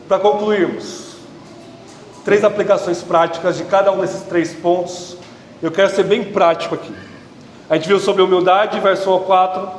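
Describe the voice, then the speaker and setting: A high-voiced Brazilian man preaches in an earnest, direct way, building to emphatic peaks. The sound rings with a long hall reverb, and faint room ambience sits underneath. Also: a little hiss or hum. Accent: Brazilian Portuguese. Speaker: pastor. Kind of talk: sermon. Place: church hall.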